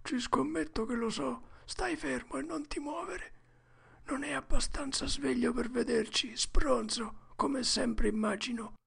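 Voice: high-pitched, a little slow, creaky, fairly bright tone, breathy edge, pitched above the performer's own voice, exaggerated voice. A storyteller voicing a frightened, superstitious young boy in whispered role-play, with a breathless, trembling whisper. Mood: panicked.

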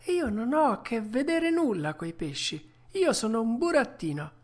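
A woman voicing a frightened, whiny wooden puppet boy, reading a storybook aloud in a shrill, tearful manner. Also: sing-song, normal speed. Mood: anxious.

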